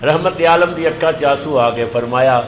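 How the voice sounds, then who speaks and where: A man's voice: on the high side, slight background noise, rough recording. A male preacher from Pakistan giving a Friday sermon, telling a story animatedly and acting out its dialogue for the congregation.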